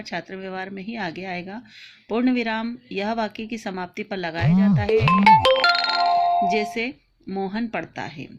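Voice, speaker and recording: A woman dictating a lesson plan point by point in a steady, methodical way, as a teacher trainer. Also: mid-range voice, lo-fi sound.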